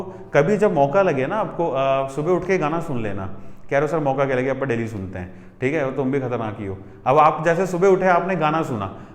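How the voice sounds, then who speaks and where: A man from North India with a Haryanvi-Punjabi accent gives an IELTS speaking lesson in a loose, chatty way, switching between Hindi and English. His voice sits a little high for a man. The room is echoey, with a long reverb trailing his words. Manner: chatty, addresses students directly, mixes Hindi and English. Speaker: IELTS coaching teacher. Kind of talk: Hindi-English classroom-style lecture.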